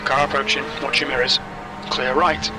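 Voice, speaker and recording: Game race spotter: terse pit radio calls, clipped and level, slightly distant under loud engine roar. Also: male voice, mid-range voice, moderate pace. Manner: clipped, flat callouts of gaps, fuel and traffic. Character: calm male racing spotter on team radio. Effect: terse pit radio call. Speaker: race spotter and crew chief. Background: race car engine roar.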